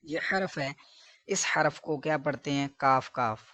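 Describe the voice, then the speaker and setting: Teaching how to pronounce Arabic letters, this man fixes common errors and says every sound several times over. He speaks unhurriedly, with a fairly high pitch and a pushed, bright tone, captured in a dry recording.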